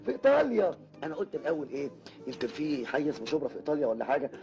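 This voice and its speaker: An actor playing a boastful young Egyptian joker who tells animated comic stories and laughs at his own jokes. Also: a little high, rapid-fire, lo-fi sound, soft background music. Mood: joking. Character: boastful joker young man, loves to clown. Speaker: joking friend telling a story.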